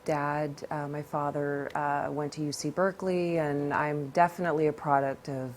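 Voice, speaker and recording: Woman guest from the US, chatty, laughs easily; low voice, faint hiss. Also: flat delivery, normal speed. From United States. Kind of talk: casual interview.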